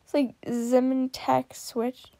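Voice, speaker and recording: A woman casually reacting to fan art, excitable and giggly, gasping and exclaiming often. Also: high voice, takes it slowly, creaky, no room sound.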